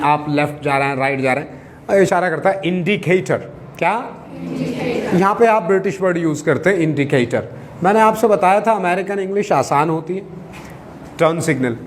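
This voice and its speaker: Guy teacher in a classroom, kinda high voice, goes over each word again and again and quizzes the kids. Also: slight background noise. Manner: explains slowly with repeated examples, asks the class questions. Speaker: English teacher. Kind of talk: classroom lecture.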